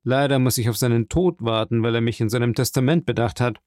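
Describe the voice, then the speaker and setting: A man's voice: mid-range voice, steady tone, fast talker, a little mellow, no room sound, studio quality, natural voice. A man voicing a cold, guarded young male impostor who answers curtly, in a storybook reading. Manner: curt, guarded.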